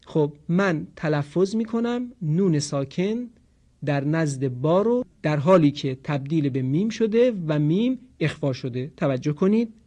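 Male recitation teacher, slightly high voice, patient explanations, slow drawn-out example chants. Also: animated, mellow, muffled recording.

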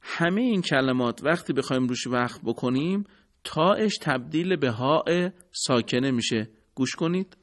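A man gives a scripted radio lesson on Quran recitation in a formal, courteous manner. He walks through each rule step by step at a middling pitch. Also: expressive.

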